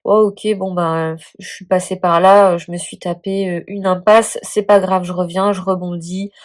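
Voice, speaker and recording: A woman's voice: lowish voice, flat delivery, moderate pace, close to an everyday voice. A woman voicing a carefree young male knight who shrugs off his mistakes, in a casual, shrugging way.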